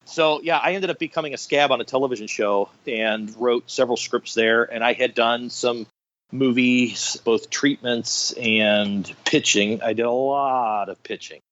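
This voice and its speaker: On a dull, lo-fi online call, a podcast guest in his fifties with an American accent tells casual interview stories full of self-deprecating humor. His mid-range, slightly bright voice is unhurried, with fairly even intonation.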